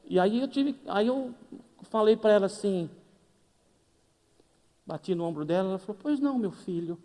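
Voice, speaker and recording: A man's voice: high voice, lively intonation, moderate pace, warm tone. A man from Brazil with a Brazilian Portuguese accent, preaching in a humorous, conversational way as he acts out the dialogue of a story. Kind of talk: sermon with storytelling. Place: church hall. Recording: long reverb of a church hall.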